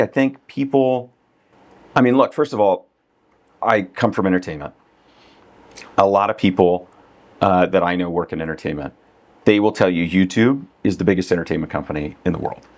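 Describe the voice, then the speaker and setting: A middle-aged real estate agent guests on a podcast, talking casually in a fairly low voice at a normal speed with frequent pauses. His conversational style is full of fillers and he laughs often.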